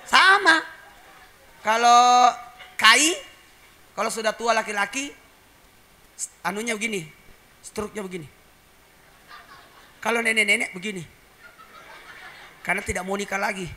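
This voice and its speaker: A man's voice: high-pitched, measured pace, long pauses, bright, forceful tone, a little hiss or hum. A man preaching a humorous sermon, telling a story and acting out voices and animal sounds for the congregation. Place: religious gathering.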